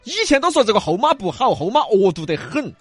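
A man's voice: high voice, very animated, fast, breathy edge, no echo, faint music behind. A man, around his thirties, speaking Sichuan dialect as a comedy co-host, bantering with a teasing, mock-scolding manner.

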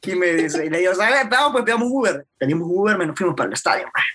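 Fast-talking young Salvadoran man, bright. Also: high voice, lively intonation, slightly rough. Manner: slangy, rambling anecdote, constant filler "maje". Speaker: storyteller. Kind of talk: casual chat.

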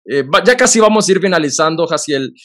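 An earnest man. He tells a personal faith story in conversation, and his voice sits a little high. He talks with feeling, in quick bursts. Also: animated, fairly bright tone. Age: 30s. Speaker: podcast host.

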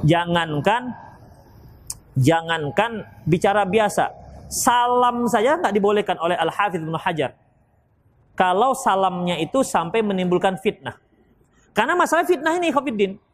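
A man from Indonesia leads an Islamic study session, reading out questions and answering them. His voice sits high for a man. He is lively and playful, and now and then he acts out little everyday exchanges. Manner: lively, mimics people in quick asides, laughs along. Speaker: ustadz giving a religious study session.

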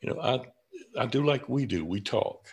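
A man's voice: medium pitch, animated, normal speed, husky. A man hosting an interview show, chatting in a laid-back, enthusiastic way over a video call. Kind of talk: casual chat.

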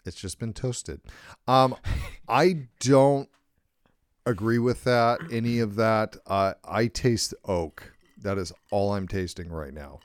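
A man's voice: on the low side, a little slow, few pauses, no echo. A tipsy man co-hosting a podcast, rambling and stammering in casual chat and swearing a lot. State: tipsy from whiskey. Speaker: podcast co-host.

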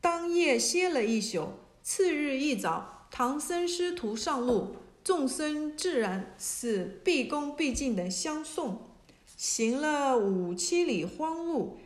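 Brief: woman storyteller, high voice, roomy echo, storybook read. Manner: slow, even storytelling. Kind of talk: storybook narration. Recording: echoey room.

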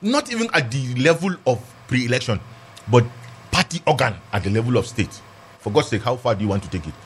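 A man's voice: mid-range voice, big pitch swings, fairly quick, slight background noise. A man with a Nigerian accent giving an emphatic, argumentative legal commentary in a discussion, repeating phrases for stress. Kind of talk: animated political and legal discussion.

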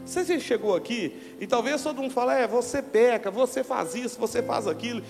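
High-voiced pastor preaching in a hall. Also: male voice, fairly quick, gravelly. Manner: swings from low hushed lines to loud declarations. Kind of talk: sermon. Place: large church hall. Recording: reverberant church hall with music behind.

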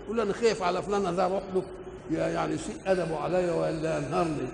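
A man's voice: fairly high pitch, fairly even intonation, very fast, vocal fry. An older man with an Egyptian accent giving a colloquial religious lecture, asking rhetorical questions and answering them himself. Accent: Egyptian Arabic. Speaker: preacher explaining the Quran. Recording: echoey hall with faint noise, old recording.

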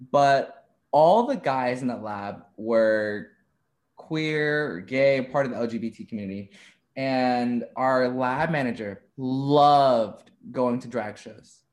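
A young man in his twenties, talking openly and chattily as an interview guest and laughing often. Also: medium pitch. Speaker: content creator being interviewed. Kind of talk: casual interview chat.

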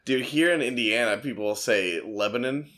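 A young man from Michigan co-hosting a podcast in a relaxed beer-drinking chat. His voice sits at a middle pitch. He tells stories with lively energy and drops swear words without a second thought. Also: moderate pace. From Dearborn, Michigan, US. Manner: animated storyteller, swears freely, laughs often. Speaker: podcast co-host. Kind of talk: casual chat over beer.

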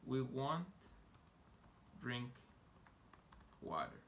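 A man gives an online English lesson, his voice slightly gravelly. He speaks casually, breaking English examples into slow, separate words. A faint hiss sits under the recording. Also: mid-range voice, wildly swooping pitch, a bit bright. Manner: slow, deliberate modeling of English phrases; casual, joking asides. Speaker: English teacher.

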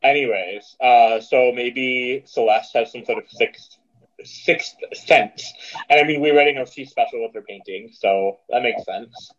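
Muffled, underwater-sounding male co-host, husky. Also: medium pitch, a little slow. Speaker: podcast co-host. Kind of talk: casual book discussion. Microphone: headset.

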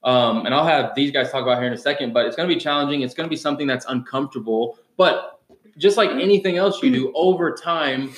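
A man hosts a casual gym podcast in an upbeat, rambling way, full of fillers and restarts. His voice sits at an ordinary middle pitch. The room around him rings with a clear echo. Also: fast. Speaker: podcast host and CrossFit coach. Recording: echoey room.

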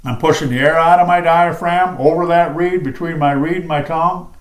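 A man's voice: on the high side, steady tone, a little fast, reverberant. A man in a casual chat, explaining turkey calling in a folksy, plain-spoken way. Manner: folksy, demonstrates calls with his mouth.

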